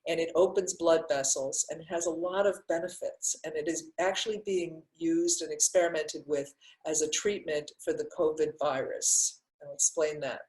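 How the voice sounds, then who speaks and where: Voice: medium pitch, fairly even intonation, moderate pace, few pauses, a little mellow, roomy sound, low-quality recording. A breathwork teacher explaining science casually with many restarts, then guiding a class through breathing exercises.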